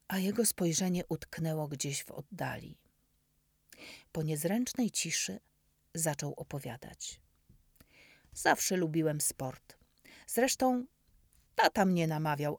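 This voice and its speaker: Slow, expressive woman reading a story. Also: fairly low pitch, no room sound, studio quality. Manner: expressive, drops to soft whispers. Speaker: narrator. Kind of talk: storybook narration.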